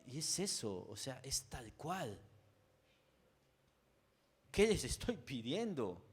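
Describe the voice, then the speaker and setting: A pastor with a Mexican accent delivers a conversational sermon, talking directly to his listeners and dropping in frequent asides. His voice swings from loud, emphatic peaks to quiet, low lines, with a sing-song, slow delivery. There is slight background noise.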